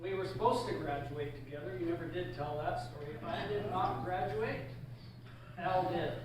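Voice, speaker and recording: A man's voice: high-pitched, normal speed. An older man from British Columbia giving a roast speech, joking dryly about himself and an old school friend. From Canada, British Columbia. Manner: dry, self-mocking humor. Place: event hall. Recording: echoey hall, far mic, loud background noise.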